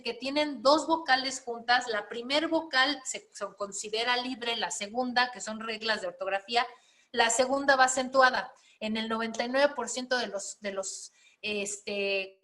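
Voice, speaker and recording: Woman, spelling teacher, explanatory, frequent check-ins, bright tone. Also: on the high side. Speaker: spelling and writing instructor. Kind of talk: live class teaching.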